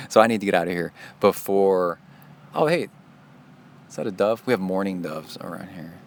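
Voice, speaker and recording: Outdoors in a park, a middle-aged man hosts a podcast, rambling casually and tossing in jokey asides. He's a triathlon coach, and his low-pitched voice is animated, moves at normal speed, and carries some vocal fry.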